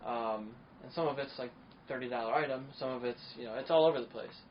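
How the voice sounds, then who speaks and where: In a mid-range voice that moves a little quickly, a man hosts a podcast, chatting loosely and eagerly with lots of filler words. The recording sounds muffled and lo-fi with faint background noise.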